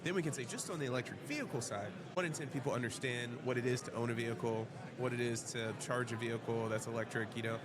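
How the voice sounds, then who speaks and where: A man's voice: mid-range voice, quick pace, hardly any pauses. A man speaking as a guest on a panel at a convention showroom floor, thoughtful and often adding "right?" at the end of a point. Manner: thoughtful, frequent "right?" tags. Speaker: guest, fleet charging developer. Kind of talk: panel discussion. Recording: crowd chatter behind. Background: crowd of convention visitors.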